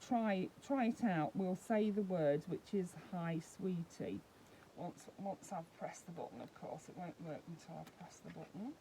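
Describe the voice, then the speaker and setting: A woman's voice: fairly low pitch, noisy background. A woman vlogging a casual unboxing, chatting and explaining each step as she handles the doll.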